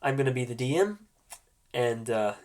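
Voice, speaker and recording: Hosting a tabletop roleplaying game as game master, a man explains things informally and haltingly in a congested, nasal voice from a cold. His voice is medium-pitched, animated and darkish.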